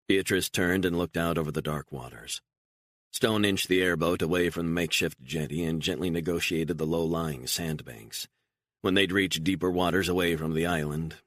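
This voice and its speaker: A man narrating a thriller audiobook in an even, measured way. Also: extremely low pitch, dry recording, studio quality. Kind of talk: scripted narration.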